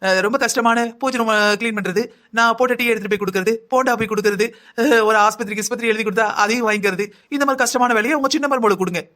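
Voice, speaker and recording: A man's voice: very high-pitched, rapid-fire, bright, forceful tone. Man doing a whiny scheming young wife. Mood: sly. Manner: whiny, complaining, sing-song lists. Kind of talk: cartoon voice acting.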